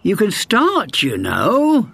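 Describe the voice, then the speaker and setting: A man voicing a boastful young male hare who brags and taunts in a high, lively voice. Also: slow pace, vocal fry, slightly rough, no echo, full character voice. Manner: brash, bragging.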